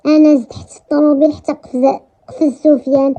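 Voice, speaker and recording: A woman with a Moroccan accent narrating a first-person romance story in a brisk, chatty way. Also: high-pitched, flat delivery, warm tone. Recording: dull lo-fi recording.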